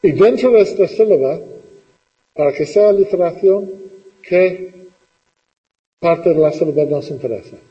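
In a muffled recording with a long reverb tail, a middle-aged man teaches a class in a fairly high, mellow voice. He is animated yet unhurried, pausing often as he patiently asks questions and echoes back what students say.

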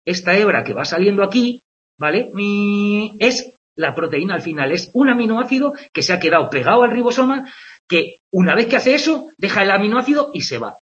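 A man with a Spain Spanish accent giving an online biology class. His voice sits high and swings through a lively pitch range as he jokes about his drawings and keeps checking in with students. The sound is a touch dull and lo-fi. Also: fairly quick. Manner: conversational, checks in with "¿vale?" and "¿de acuerdo?"; explains with playful comparisons. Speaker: biology teacher. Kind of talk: online lecture with on-screen drawing.

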